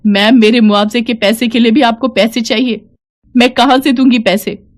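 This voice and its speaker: A woman's voice: on the high side, steady tone, moderate pace, voice pushed up, close to an everyday voice. A woman voicing a poor older widow who pleads plaintively for her money. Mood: pleading.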